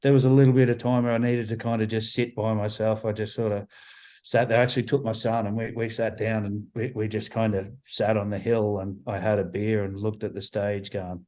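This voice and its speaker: A man chats on a video call in a relaxed, mellow voice. He talks with eager enthusiasm, repeating himself and leaning on fillers as he goes. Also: on the low side, a little fast, low-quality recording. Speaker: band member guest. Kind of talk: casual interview chat over video call.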